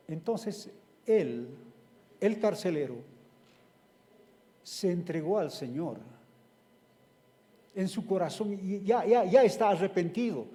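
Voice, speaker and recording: High-voiced, slow-preaching man. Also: mellow, long reverb tail. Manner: retells a scripture story step by step, then explains it. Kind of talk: sermon.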